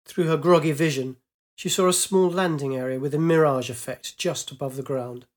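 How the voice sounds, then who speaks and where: A man's voice: a little high, fairly even intonation, normal speed. Man narrating a space story. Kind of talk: storybook reading.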